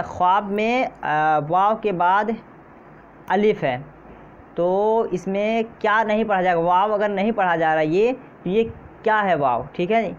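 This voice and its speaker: Male teacher for an exam-prep lesson, patient and repetitive, mid pitch, a little dull and noisy. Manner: repeats questions and says "theek hai" often. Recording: slightly dull, faint noise.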